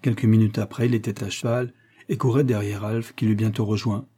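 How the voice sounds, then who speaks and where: Audiobook narrator, man, mellow and breathy, measured storytelling. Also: fairly low pitch, steady tone. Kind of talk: scripted narration of an adventure novel.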